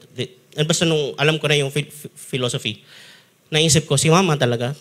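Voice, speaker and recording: A man with a Filipino accent preaching a sermon as pastor, telling stories with acted-out sounds and frequent laughter. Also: fairly high pitch. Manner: animated storytelling, acts out sounds and quotes, laughs often. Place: church stage.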